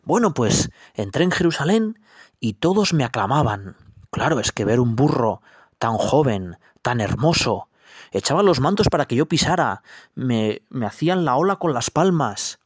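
A man's voice: moderate pace, husky, dry recording, studio quality. Man doing a vain young donkey colt. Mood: boastful. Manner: excited, high childlike storytelling voice. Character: vain young male donkey, boastful and whiny.

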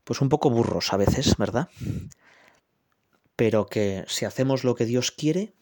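A priest delivers a homily in a chatty, personal manner, tossing out rhetorical questions and short checks with his listeners. His voice sits at an ordinary male pitch. The recording is close and dry, with no room sound. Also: measured pace, a little mellow, no echo. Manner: conversational, rhetorical questions with frequent "¿eh?" and "pues".

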